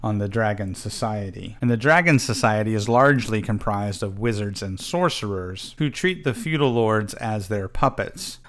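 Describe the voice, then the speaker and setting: A middle-aged man hosting his own channel, giving an earnest, scripted explanation of how to prepare a tabletop game campaign. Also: fairly low pitch. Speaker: channel host. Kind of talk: scripted tutorial narration.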